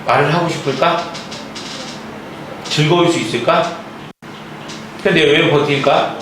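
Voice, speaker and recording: A man's voice: a little high, over music. Scolding male math tutor in an echoey classroom. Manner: scolding, lots of quick check-in questions. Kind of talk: classroom lecture. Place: academy classroom. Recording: very echoey room, mic far off, noisy.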